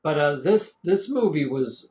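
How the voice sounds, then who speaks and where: A man's voice: a little high, sing-song, measured pace, a little mellow. A man casually chatting as a podcast co-host reviewing an old movie, rambling and chuckling, tripping over names. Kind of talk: casual chat. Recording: dull lo-fi podcast audio.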